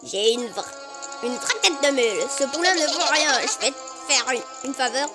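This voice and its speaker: A spiteful little masked imp speaking in a crackly, mocking old-granny voice, as a boy puts it on. The voice sits high and swings widely up and down. Loud video-game music plays behind it. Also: animated, moderate pace. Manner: mocking, cackling, exaggerated old-woman voice.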